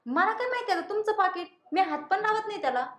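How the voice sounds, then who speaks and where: An actress playing a young wife who defensively denies taking money. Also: female voice, extremely high pitch, animated, fast, roomy sound, a crowd in the background. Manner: defensive, snappy.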